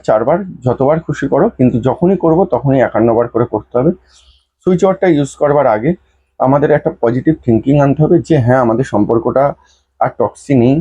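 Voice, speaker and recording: Male astrologer, patient and repetitive explainer, mellow husky voice, lo-fi recording. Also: medium pitch. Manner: repetitive, patient explaining, addresses viewers directly. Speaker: astrologer giving remedies. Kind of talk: instructional talk to viewers. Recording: dull lo-fi sound.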